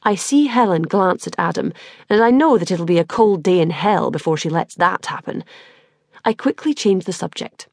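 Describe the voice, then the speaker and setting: Woman, audiobook narrator, first-person, wry, measured, dry studio. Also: on the low side, expressive, creaky, no echo.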